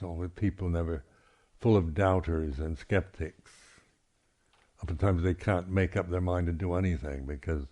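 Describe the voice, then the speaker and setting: Giving a reflective talk at a meditation retreat, a man who is a Buddhist monk teacher speaks without a script, haltingly and with frequent throat-clearing. His voice is low and a little mellow.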